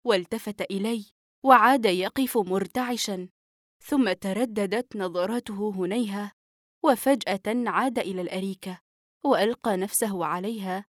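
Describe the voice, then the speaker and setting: A woman narrating a novel for an audiobook in a steady, even storytelling manner. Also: mid-range voice, normal speed, dry recording, clean studio sound.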